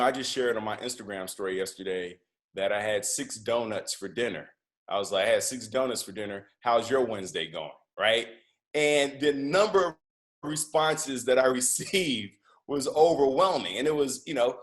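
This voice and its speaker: A man who is a comedian and podcast host, telling stories as a guest in a conversational interview, animated, with lots of fillers and restarts. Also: mid-range voice.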